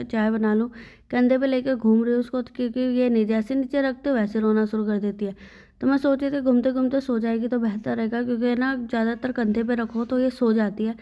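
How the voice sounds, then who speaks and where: A woman's voice: a little high, dark tone. A young woman vlogging her day at home with her baby, weary and short on sleep, talking to the viewer about her aches and troubles. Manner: weary, complaining, talks to the viewer. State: sleep-deprived and in pain. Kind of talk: casual vlog narration. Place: at home, by the front door.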